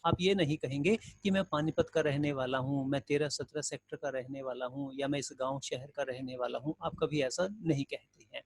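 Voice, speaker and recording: A man's voice: mid-range voice, brisk, hardly any pauses, no room sound. A male Hindi teacher giving a recorded grammar lesson, explaining step by step with everyday examples and questions to students. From India.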